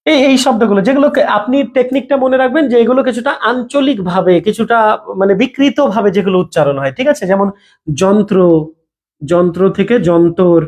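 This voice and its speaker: A man's voice: high-pitched, animated, a little fast, a little mellow. A man teaches a live online grammar class. He repeats each point and thanks students by name as he goes. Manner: repetitive, checks in with students by name.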